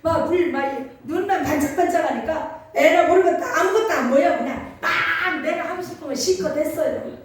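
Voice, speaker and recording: Middle-aged woman pastor with a Chungcheong Korean accent, high voice, lively emphatic sermon, heard from a distance. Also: moderate pace, hardly any pauses, a little hiss or hum. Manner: lively, emphatic preaching with call-and-response. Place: church sanctuary. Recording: echoey church hall from far off.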